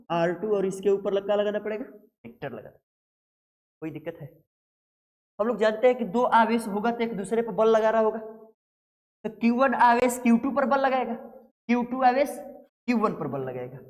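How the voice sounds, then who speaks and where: A male physics teacher lectures to a class, keeps asking questions and answers them himself. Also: extremely high pitch. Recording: long hall reverb.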